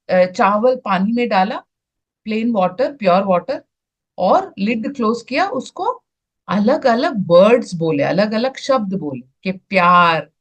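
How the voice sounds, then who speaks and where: A woman presenting an online health session, explaining slides in an unhurried way, repeating words and restarting often. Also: mid-range voice. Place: online video call.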